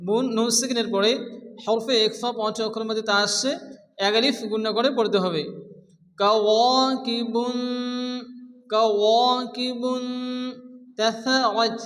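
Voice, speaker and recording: High-voiced man teaching Quran recitation. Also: steady tone, a bit bright, in a large hall, poor audio. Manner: alternates slow chanted recitation with rapid rule explanations.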